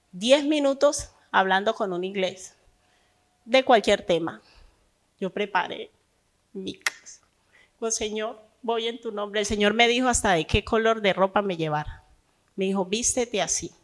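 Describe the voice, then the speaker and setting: Speaking at a medium pitch and moderate pace with long pauses, a woman pastor whose first language is Spanish delivers a sermon. She shares a personal testimony conversationally before building into fervent preaching.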